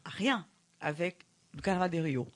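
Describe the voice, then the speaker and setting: Brazilian woman, halting foreign-accented French. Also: on the low side, lively intonation. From Brazil, Belém in the Amazon region. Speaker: guest, dancer and show creator. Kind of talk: interview answers, explaining.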